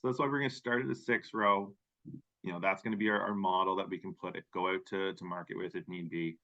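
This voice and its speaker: A man hosting a webinar and demoing software, casual and conversational. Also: low voice, fairly even intonation, fast, vocal fry. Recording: dull lo-fi audio.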